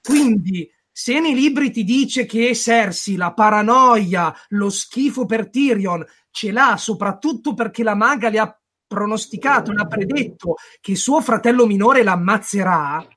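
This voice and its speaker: A man with a notably high voice argues his case in a casual podcast chat. He sounds animated and combative, and he swears now and then. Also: unhurried. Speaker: podcast co-host. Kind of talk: heated casual discussion.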